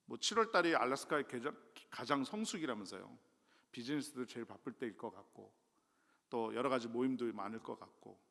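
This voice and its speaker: Middle-aged man, gravelly bright voice, guest pastor, chatty self-mocking sermon, church reverb. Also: mid-range voice. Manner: conversational, self-deprecating preaching with sudden loud rises. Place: church sanctuary. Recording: long church hall reverb.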